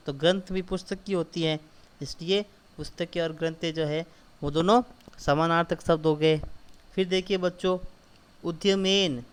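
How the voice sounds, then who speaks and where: A man's voice: fairly high pitch, clear, resonant tone. A man teaching a class of children, patiently walking through textbook answers and repeating key points. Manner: patient, repetitive explaining, addresses children directly; reads quoted lines slowly and louder. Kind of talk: school lesson explaining textbook answers.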